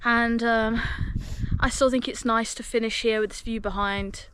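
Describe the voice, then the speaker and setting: A woman's voice: a little high, fairly even intonation, brisk, a bit bright, a little hiss or hum. Breathless, chatty British woman hiking. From United Kingdom. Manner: chatty, upbeat, with frequent ums. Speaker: hiking vlogger. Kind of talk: casual vlog to camera. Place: outdoors on a hill path.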